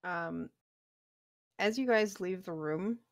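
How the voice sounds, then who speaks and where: A woman acting as game master, narrating a tabletop game in a halting, conversational way. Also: fairly low pitch, no echo, studio quality.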